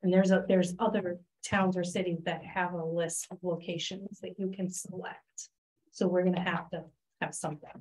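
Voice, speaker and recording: A woman who leads a town committee meeting, asking questions and thinking through ideas out loud. Her voice sits fairly low and has a warm, relaxed tone. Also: moderate pace, rough recording. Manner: inquisitive, thinking aloud. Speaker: committee member leading the agenda. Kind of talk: meeting discussion.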